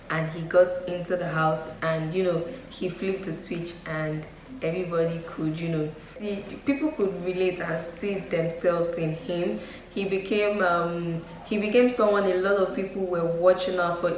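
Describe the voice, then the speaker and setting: A young woman giving her opinions in a casual vlog, talking loosely with lots of fillers. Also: lowish voice. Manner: chatty, frequent "you know" and "um" fillers. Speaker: YouTube vlogger. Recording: echoey room with faint noise.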